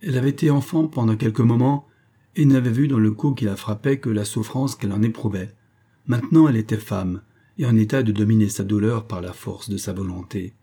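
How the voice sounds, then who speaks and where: A man reading a classic novel aloud as audiobook narration, in a measured storytelling manner. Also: on the low side, warm tone, breathy edge. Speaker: audiobook reader.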